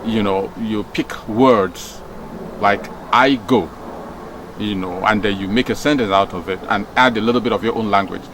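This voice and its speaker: Here a former broadcaster from Nigeria, middle-aged and a native Nigerian Pidgin speaker, muses in an easygoing, reflective talk. His low, gravelly voice is a bit bright, peppered with "um" and "you know," and climbs when he emphasizes something. The recording is rough, with faint background noise and insects.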